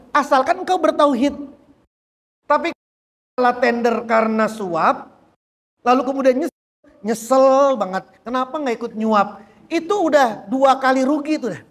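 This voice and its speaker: A man teaching a religious book study, animated and repeating phrases as he drives a point home. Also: very high-pitched, big-room sound. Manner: animated, repeats phrases, acts out quoted speech. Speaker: Islamic teacher.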